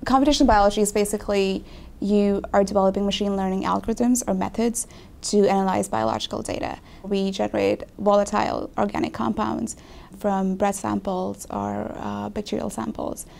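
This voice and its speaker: Young woman from Pakistan, gravelly. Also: medium pitch, fairly even intonation, brisk, a little mellow. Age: young adult. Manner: thoughtful, self-correcting, candid. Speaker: graduate student. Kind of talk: casual interview. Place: small office with windows.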